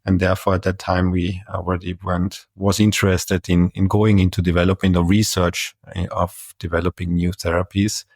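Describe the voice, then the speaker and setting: In studio-quality audio with no echo, a middle-aged man speaks low and level at normal speed with few pauses. He is an Austrian neurologist with an Austrian German accent, a guest answering interview questions hesitantly, often restarting and using fillers.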